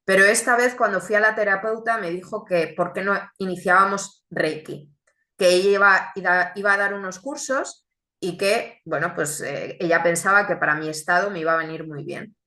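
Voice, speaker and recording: A woman gives a faith testimony in an earnest, reflective way and often poses rhetorical questions. Her voice is bright and forceful. The room around her sounds echoey. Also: mid-range voice, moderate pace. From Chile, raised in Spain. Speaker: speaker giving a faith testimony. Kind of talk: testimony talk.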